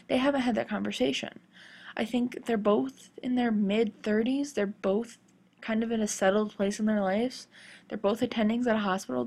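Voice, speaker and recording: A woman with a slightly gravelly, husky voice from a sore throat presents podcast commentary. She explains her points in a measured way, at a middle pitch. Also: a little mellow. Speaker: podcast host. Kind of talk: scripted-sounding TV fan commentary podcast.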